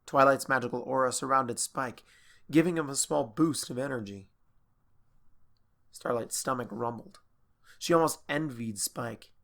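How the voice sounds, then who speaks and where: A man narrating a fan fiction audiobook in a steady, even storytelling manner. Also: mid-range voice, measured pace, vocal fry, pauses often.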